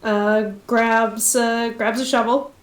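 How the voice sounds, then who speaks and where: A woman game master narrates a tabletop session at an easy, slow pace. Her voice sits a little high and she fills gaps with ums and laughter. The sound is roomy. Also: flat delivery. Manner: unhurried, with frequent ums and laughter. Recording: echoey room.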